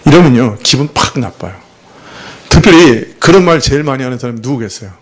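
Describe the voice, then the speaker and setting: A male pastor preaching with a slightly husky voice that rises and falls a lot. He quizzes his congregation with rhetorical questions and admits his own faults openly. His sermon has the feel of a conversation. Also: mid-range voice, lively intonation, fairly quick. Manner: confessional, uses himself as the example.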